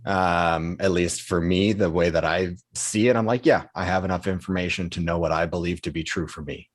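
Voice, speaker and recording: Deep-voiced man, earnest podcast talk. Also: no echo. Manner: earnest, reflective, loose phrasing. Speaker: podcast host. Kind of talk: casual conversation.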